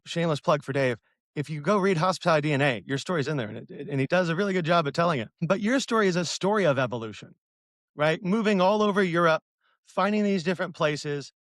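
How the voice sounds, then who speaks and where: A man's voice: a little high, dry recording, studio quality. A man hosting a podcast panel, chatty and upbeat as he runs the introductions and asks questions. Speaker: podcast host.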